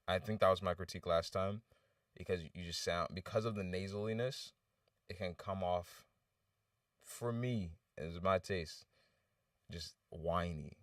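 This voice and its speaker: A man's voice: sits low, a little slow, no room sound, clean studio sound, far from the mic. A man giving candid, loose and rambling feedback on submitted songs during a casual livestream. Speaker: livestream music reviewer.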